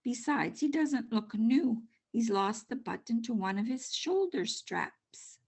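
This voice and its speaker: A woman voicing a tired, practical mother in a storybook, gently refusing with a sighing manner. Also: on the high side, animated, slow, breathy edge, exaggerated voice. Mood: weary, dismissive.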